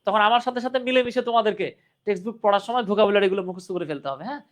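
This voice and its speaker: A man's voice: sits high, very fast, fairly bright tone. Man, online english teacher, word-by-word explaining, questions to kids. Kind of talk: live online grammar lesson.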